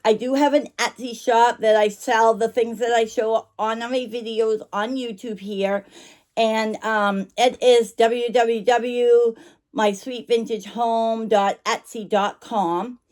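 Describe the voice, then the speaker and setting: A woman's voice: on the high side, steady tone, takes it slowly, a little mellow. Rambling woman chewing gum as she talks. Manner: chewing gum while talking; rambling, self-interrupting, apologetic. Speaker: online vintage shop owner and vlogger. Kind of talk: casual chat to camera.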